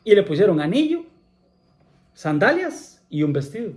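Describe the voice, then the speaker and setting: A man's voice: sits high, very animated, normal speed, darkish tone. Pastor preaching, asking his congregation questions. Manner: repeats himself, asks the congregation questions, punctuates with amén. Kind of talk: sermon.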